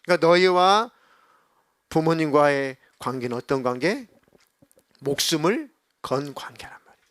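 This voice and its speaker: Animated high-voiced man preaching. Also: moderate pace, clean tone, no echo. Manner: animated, acts out quoted voices, scolds listeners playfully. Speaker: pastor. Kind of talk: youth sermon with acted storytelling.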